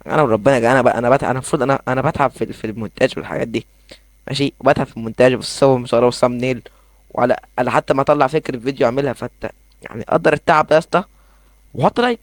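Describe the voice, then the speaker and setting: A young man with an Egyptian accent giving excitable, rambling commentary as he plays a game in his bedroom. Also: mid-range voice, no echo. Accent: Egyptian Arabic. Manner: excitable, rambling, quick asides. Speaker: gaming YouTuber. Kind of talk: casual gameplay commentary.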